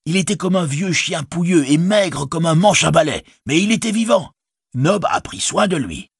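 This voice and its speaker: A man voicing a chatty, fretful stout innkeeper who rambles and exclaims, with a husky voice. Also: fairly high pitch, big pitch swings, normal speed, dry recording, studio quality, pitched above the performer's own voice, heavily acted. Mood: excited.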